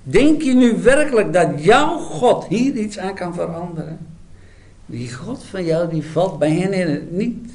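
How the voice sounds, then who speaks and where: A preacher doing a sarcastic bystander, taunting, scornful, high male voice, sermon retelling. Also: animated, a little slow, a little mellow. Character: mocking exiled bystander, scornful man.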